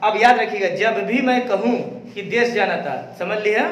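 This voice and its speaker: A man's voice: high voice, normal speed, fairly bright tone. A male teacher, drilling his class with call-and-response questions. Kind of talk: classroom lesson. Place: echoey classroom. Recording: very echoey classroom, far from mic. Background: students answering in chorus.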